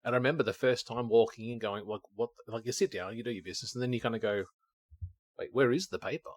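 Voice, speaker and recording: An Australian man co-hosting a casual podcast, telling a travel anecdote in a relaxed way with many fillers. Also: mid-range voice, racing, no room sound. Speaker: podcast co-host. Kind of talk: casual chat.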